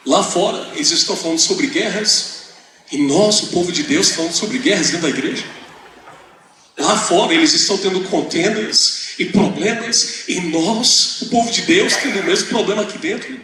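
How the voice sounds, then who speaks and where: A man interpreting a sermon for a visiting preacher, preaching with passion and moving between shouted emphasis and hushed asides. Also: fairly high pitch, a little hiss or hum. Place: large auditorium. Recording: echoey hall, voice from a distance.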